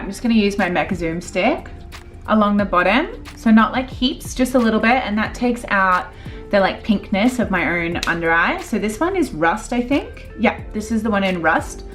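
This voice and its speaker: Woman, makeup tutorial, chatty, relaxed, lots of ums, faint music, camera mic. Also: medium pitch. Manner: chatty, filler-heavy, relaxed. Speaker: makeup artist.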